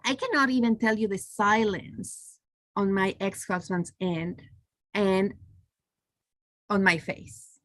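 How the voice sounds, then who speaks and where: A woman from Mexico telling a personal story in a casual group discussion, lively when she quotes others. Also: medium pitch, slow, pauses often. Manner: storytelling, animated when quoting. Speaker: meetup participant.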